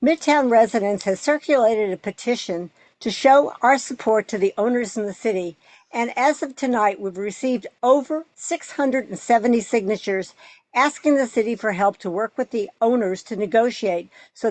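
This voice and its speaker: A woman's voice: a little high, normal speed, a little mellow, dry recording, rough recording. A woman delivering a prepared public comment speech to a council as a resident, earnestly making an appeal.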